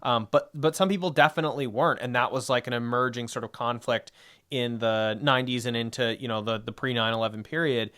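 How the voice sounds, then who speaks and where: Smooth-voiced man co-hosting a podcast. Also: medium pitch, steady tone, brisk, fairly bright tone. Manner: rambling, many fillers and restarts. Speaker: podcast co-host. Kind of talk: casual history discussion.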